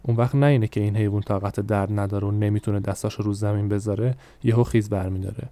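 A man's voice: fairly low pitch, fairly even intonation, warm tone, no echo, natural voice. A man voicing a blunt male street sweeper in a spoken story, giving practical orders. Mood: instructing.

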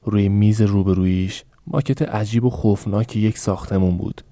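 A man narrating a novel for a podcast in a calm, measured reading. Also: lowish voice, dry recording, clean studio sound. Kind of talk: scripted audiobook narration.

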